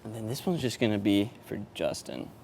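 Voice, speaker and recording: A sound engineer with a low, slightly mellow voice talks briskly and very animatedly while setting up gear in a print shop for a casual vlog. He's offhand and frequently mutters to himself, with clear background noise and room ambience audible.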